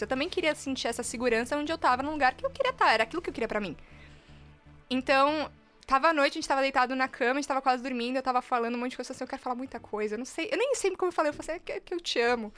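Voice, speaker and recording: Casting: young São woman, quick and high-voiced, giggly storyteller, light music underneath. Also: lively intonation, a bit bright. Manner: giggly, tells stories with acted-out quotes. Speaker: podcast co-host. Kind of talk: casual chat.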